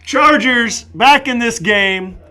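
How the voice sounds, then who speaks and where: Man, sports commentator, high voice, bright tone, excitable, joking, rambling asides. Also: takes it slowly, clear, resonant tone. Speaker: play-by-play commentator. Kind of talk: live football commentary.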